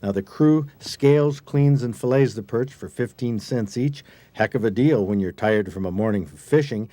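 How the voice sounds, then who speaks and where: A man's voice: mid-range voice, moderate pace, dark tone, no room sound. An American man narrates a scripted outdoor feature as a reporter and host, in a folksy, conversational way.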